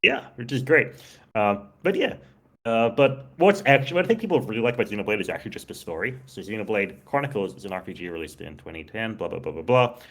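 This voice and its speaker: Low-voiced excited man. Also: fast talker. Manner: enthusiastic, many fillers and laughs. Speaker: podcast host. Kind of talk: casual chat.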